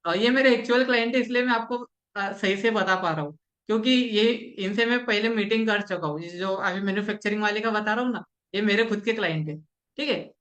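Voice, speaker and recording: A man's voice: high voice, a little fast, fairly bright tone. A man teaching a digital marketing lesson, explaining step by step how to handle sales calls with clients and acting out the calls. He speaks Hindi mixed with many English business words. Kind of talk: spoken classroom lesson.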